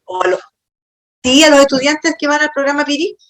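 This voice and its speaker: A middle-aged woman with a Chilean accent giving a university class over a video call, chatty and questioning her students, explaining in a halting way. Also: high-pitched, fairly even intonation. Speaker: university lecturer. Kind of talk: online class lecture.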